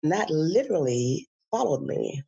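A woman from the Bahamas, a guest who is an educator and author, speaking candidly and reflectively in an interview, with soft fillers. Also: deep voice, big pitch swings, moderate pace, creaky, slightly rough, muffled recording.

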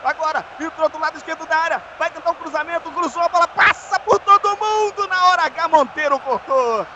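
A Brazilian man giving colloquial, animated live radio commentary on a football match. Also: very high-pitched, brisk. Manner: colloquial, animated play-calling. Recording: dull, lo-fi sound with faint noise.

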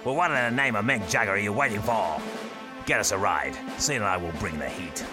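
An actor playing a blunt, anxious, crude cop with a melodramatic manner in a scripted comic audio drama. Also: male voice, lowish voice, brisk, over loud music, natural voice. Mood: brash. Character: gruff, anxious, crude male cop in comedy.

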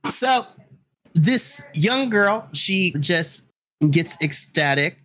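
A man's voice: sits high, low-quality recording. Laughing man running a tabletop game. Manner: lively storytelling, quick to laugh. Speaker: game master.

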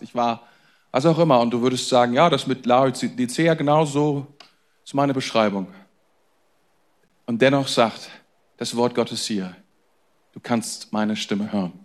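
A man preaching a sermon in a conversational way, talking straight to his listeners and moving between loud emphasis and quiet intensity. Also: mid-range voice, normal speed. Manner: conversational, addresses listeners directly. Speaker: pastor.

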